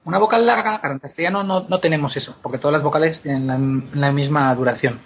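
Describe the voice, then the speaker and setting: A man explaining pronunciation in a casual, animated way, drawing words out slowly to demonstrate them. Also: on the high side. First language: Spanish. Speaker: guest explaining Elvish pronunciation. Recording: dull lo-fi podcast recording.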